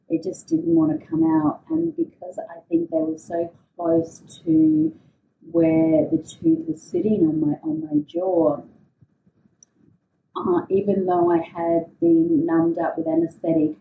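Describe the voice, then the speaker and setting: Slow, very creaky woman, mellow and reflective. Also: fairly low pitch, expressive. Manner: hesitant, reflective, with pauses mid-phrase. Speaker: podcast host telling a personal story. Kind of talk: unscripted personal monologue. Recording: roomy echo, distant mic, faint noise.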